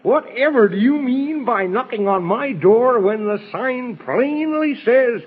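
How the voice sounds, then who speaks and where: High, husky, fussy old Moon Man. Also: animated, a little slow, heavily acted. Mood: fussy scolding. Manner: stammering, repetitive, muddled, comically scolding. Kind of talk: old-time children's radio fantasy acting. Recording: muffled, tinny vintage radio recording.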